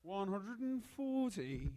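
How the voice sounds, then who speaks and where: High-pitched, animated male darts score caller. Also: takes it slowly, background noise. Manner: formal announcing of scores and players in short set calls.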